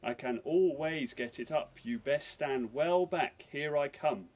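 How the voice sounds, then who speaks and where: A man reading aloud voices the puppet Mister Punch as a sly, menacing, insinuating male figure with a husky tone. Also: on the high side, takes it slowly, a little mellow.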